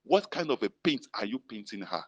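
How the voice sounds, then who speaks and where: Leading the men in call-and-response, a Nigerian pastor with a Yoruba-influenced accent repeats lines for emphasis during a sermon in a prayer room, streamed to viewers online. His voice is on the low side yet fairly bright, with big pitch swings and a fairly quick pace. The recording is dry, with the highs cut off.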